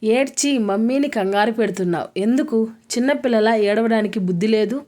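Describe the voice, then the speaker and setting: A woman narrator reads a suspicious, irritable young man in a spoken romance tale. He presses with sharp questions and scolds bluntly. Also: fairly high pitch, brisk, close to an everyday voice. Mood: scolding.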